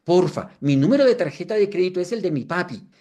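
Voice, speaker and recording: A man voicing a gushing young woman, chatty, careless, his own fairly high voice. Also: lively intonation, fast talker, warm tone. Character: careless young woman oversharing card details. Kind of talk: quoted example in a lecture.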